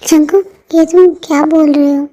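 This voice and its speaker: A woman's voice: high voice, steady tone, normal speed, natural voice. A woman voicing a worried, fierce middle-aged mother in an amateur fan dub drama, speaking anxiously and scoldingly. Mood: anxious, angry. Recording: muffled lo-fi audio with soft music.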